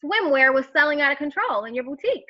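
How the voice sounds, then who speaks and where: Upbeat woman host of a live web show, high pitch, muffled video-call sound. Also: expressive, fast. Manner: bubbly, encouraging, upbeat. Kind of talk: live online interview. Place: home room over a video call. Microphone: webcam on a video call.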